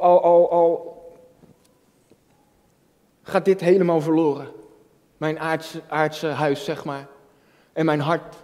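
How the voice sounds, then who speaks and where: A warm, fairly high-pitched male voice drives this personal, reflective sermon by a junior pastor in his early thirties. He's earnest, using repetition for emphasis and rhetorical questions, at a lectern on an indoor church stage. The distant recording carries long hall reverb.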